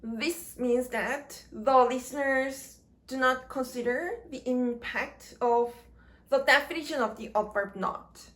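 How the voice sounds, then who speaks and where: A woman teaching English grammar in a slow lecture, speaking in short, deliberate chunks. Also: high-pitched, fairly bright tone.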